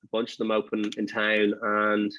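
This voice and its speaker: A man's voice: lowish voice, monotone, moderate pace, sharp tone, dry recording, rough recording. A man with a Dublin accent giving casual interview answers, rambling as he thinks aloud. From Dublin, Ireland. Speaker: interview guest, restaurant owner.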